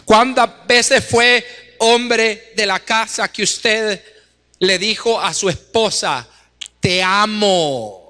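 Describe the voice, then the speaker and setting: A man's voice: high voice, fairly even intonation, slow, pushed and bright. A man preaching a Sunday sermon in a church, exhorting the congregation with emphatic repeated calls and acting out little scenes between husband and wife. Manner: acts out wife and husband in asides. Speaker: pastor. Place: church sanctuary. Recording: live hall with echo and music.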